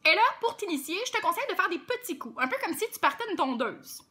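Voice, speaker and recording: A young woman with a Québécois French accent teaching a playful vocal warm-up lesson, demonstrating sounds as she explains. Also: very high voice, very animated, fast talker, very noisy. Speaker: singing teacher.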